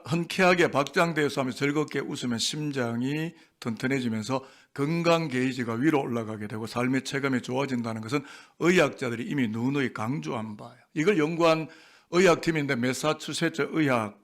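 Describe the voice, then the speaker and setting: A male senior pastor giving a sermon in a church sanctuary, playful and quizzing the congregation. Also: mid-range voice.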